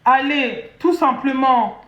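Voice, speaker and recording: A woman's voice: sits high, fairly bright tone. Woman bragging on a funny live stream, slips into broken english on purpose, muffled echoey audio. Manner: boastful, switches into deliberately broken English. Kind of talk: comedic live stream chat. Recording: dull echoey room audio.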